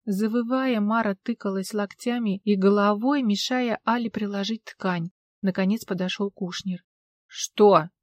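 Woman, audiobook narration, steady, even, mid pitch, dry sound. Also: moderate pace, no echo. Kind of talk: scripted narration.

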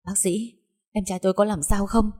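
A woman voicing a furious, hot-tempered peasant woman who shouts threats. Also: mid-range voice, fairly even intonation, moderate pace, voice pushed up, close to an everyday voice. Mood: anxious polite.

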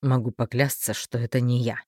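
A woman voicing a calm, sardonic man in an audiobook, speaking in a low, dry, mocking tone. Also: a little fast, no echo. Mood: smug.

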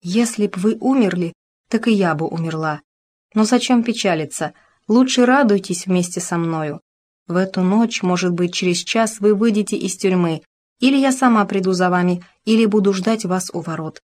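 A woman's voice: medium pitch, moderate pace, darkish tone, natural voice. A woman reading the lines of an anxious, loving young noble bride in an audiobook, with urgent, emotional pleading. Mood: eager.

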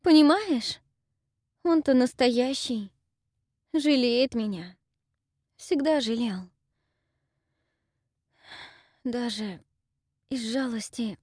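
A woman voicing a timid, tearful young widow who once acted on stage, speaking softly and pleadingly. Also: fairly high pitch, slow, long pauses, no room sound, clean studio sound, pitched above the performer's own voice. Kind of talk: audiobook character voice.

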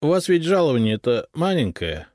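A man's voice: a little high, sing-song, normal speed, darkish tone, dry recording, clean studio sound, pitched above the performer's own voice. A man voicing a sly, boastful male drunkard who stammers and wheedles. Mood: wheedling.

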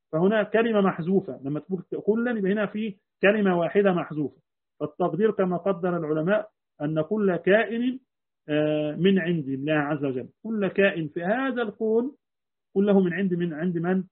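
A man with an Egyptian Arabic accent teaching a creed lesson as a religious teacher, explaining with rhetorical questions. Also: high voice. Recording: tinny phone-like lo-fi recording.

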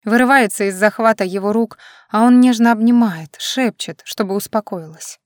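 A woman's voice: on the high side, normal speed, no echo, clean studio sound. A woman narrating an audiobook in a dramatic, emotional way. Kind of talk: scripted narration.

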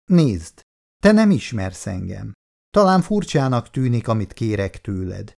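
A woman's voice: extremely low pitch, very animated, vocal fry, warm tone, exaggerated voice. A man reading aloud and voicing a bold young woman who insists and mocks her rival. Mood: brazen insistent. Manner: insistent, mocking, brazen.

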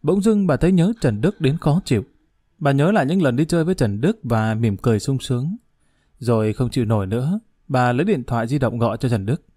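A man narrating an audiobook in a steady, even storytelling manner. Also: medium pitch, a little fast, husky, dry recording, clean studio sound.

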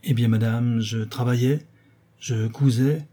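A nervous young maid, pleading and evasive before her mistress, in an audiobook, with a man putting her on in a lifted voice. The voice is low-lit and husky. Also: fairly even intonation, measured pace, warm tone, close to an everyday voice. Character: anxious young maidservant woman. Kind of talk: audiobook character reading.

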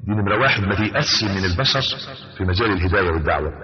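Animated Egyptian preacher in a hall. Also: male voice, deep voice, highs cut off. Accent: Egyptian Arabic. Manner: animated, emphatic rises, slows to recite verses. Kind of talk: sermon.

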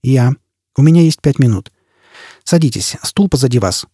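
A man's voice: medium pitch, lively intonation, moderate pace, warm tone, slightly rough, no room sound. A male reader voicing a dry, probing male security chief in an audiobook. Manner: dry, probing, then agitated. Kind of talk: audiobook character reading.

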